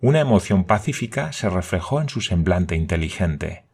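A man reading a novel aloud as a narrator, in a steady, measured way. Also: deep voice, creaky, breathy edge. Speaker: audiobook narrator. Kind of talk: scripted narration.

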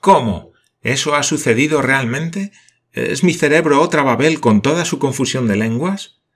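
A man reading an audiobook and voicing an excitable, absent-minded male geographer with loud, theatrical exclamations. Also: medium pitch, normal speed, voice pushed up. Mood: distraught. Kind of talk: audiobook character voice.

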